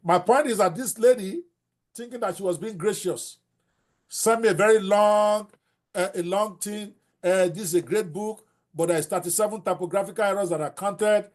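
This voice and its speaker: Dropping Yoruba phrases into a book-writing lesson, the host, an older Nigerian man with a Yoruba accent, is blunt and animated. His voice sits high, and he speaks at normal speed.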